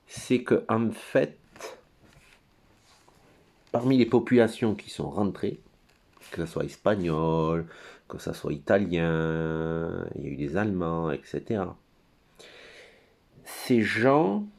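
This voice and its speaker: Deep-voiced man rambling crudely. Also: lively intonation, a little slow, gravelly, long pauses, darkish tone. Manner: crude, digressive, hesitant with many fillers. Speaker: commentator. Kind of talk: rambling monologue. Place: at his computer.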